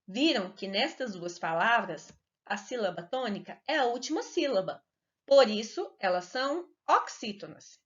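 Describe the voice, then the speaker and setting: Woman teacher for kids' video lessons: bright sing-song delivery, deliberate syllable stretching, muffled low-fi sound. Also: animated. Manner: slow, clear and sing-song, stretching words to stress syllables. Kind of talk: recorded lesson for children. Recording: dull lo-fi recording.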